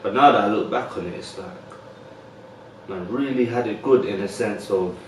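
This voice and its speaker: Deep-voiced London man, echoey room. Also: moderate pace, distant mic, slight background noise. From West London. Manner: laid-back street slang, many fillers. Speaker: guest. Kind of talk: casual interview.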